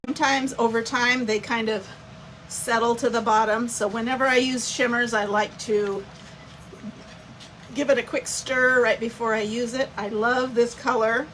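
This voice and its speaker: A woman's voice: on the high side, fairly even intonation, normal speed, fairly bright tone, a little hiss or hum, low-quality recording. Chatty woman teaching a craft live. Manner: chatty, greets viewers by name mid-demo. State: has the hiccups. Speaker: craft instructor.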